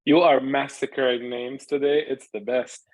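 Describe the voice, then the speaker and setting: A man from Lebanon, an artist speaking as a panel guest, good-humored and quick to laugh. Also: medium pitch, steady tone, a little mellow, dry recording. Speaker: artist and co-founder. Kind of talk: casual panel chat.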